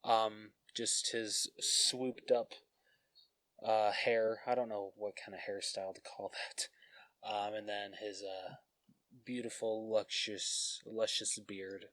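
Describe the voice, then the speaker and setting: A man's voice: fairly low pitch, completely flat delivery, slow, a bit bright. A man co-hosting a casual podcast chat, rambling and self-deprecating, laughing often as he describes collectible toys. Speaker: podcast co-host.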